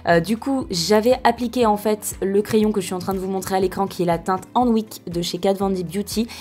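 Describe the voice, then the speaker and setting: A woman's voice: fairly low pitch, darkish tone. Young female beauty vlogger, casual and chatty voice-over, often corrects herself, faint music underneath. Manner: chatty, with frequent fillers and self-corrections. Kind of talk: casual makeup tutorial voice-over.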